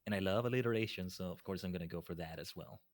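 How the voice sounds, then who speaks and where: A man's voice: low voice, quick pace. A man chatting casually as a guest on a livestream, rambling and often repeating his phrases. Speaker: guest streamer.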